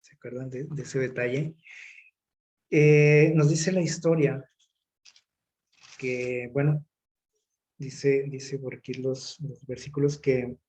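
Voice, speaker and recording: A man's voice: mid-range voice, flat delivery, takes it slowly, long pauses, a little mellow. A man, preaching a sermon in a casual style, often asking his listeners questions, with many fillers and restarts. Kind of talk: conversational sermon.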